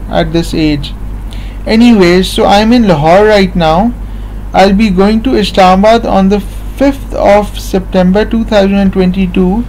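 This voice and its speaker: High and a touch mellow, the voice belongs to a Pakistani vlogger in his late twenties who sits in an armchair at home talking to his webcam. His casual monologue meanders, loops back on itself, and is packed with fillers. The close-range built-in mic gives a rough recording with slight hiss or hum.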